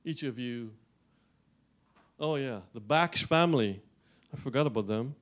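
A middle-aged man from Guyana preaching a sermon as pastor, animated, with frequent restarts and rising emphasis. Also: mid-range voice, measured pace.

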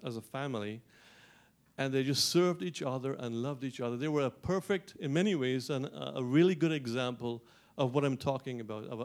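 A middle-aged man from Guyana preaches to his congregation in an animated way. His voice sits at an everyday middle pitch, and he often restarts phrases before building to emphatic peaks. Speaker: pastor. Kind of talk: sermon.

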